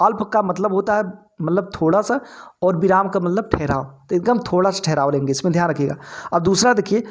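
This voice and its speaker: A man teaching an exam-prep grammar lesson, repeating his points and checking in with his listeners often. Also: high-pitched. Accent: Hindi-speaking north Indian.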